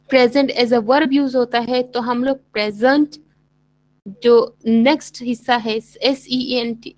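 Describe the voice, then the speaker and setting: A woman with a Pakistani accent giving a bilingual English lecture, explaining in Urdu-Hindi and reading English lines slowly and deliberately. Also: on the high side, no echo, poor audio. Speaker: English teacher.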